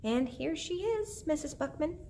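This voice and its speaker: A woman's voice: on the high side, big pitch swings, normal speed, a little mellow, a little hiss or hum, pitched above the performer's own voice. A woman reading the part of an earnest, know-it-all boy in a storybook, with lofty, lecturing delivery.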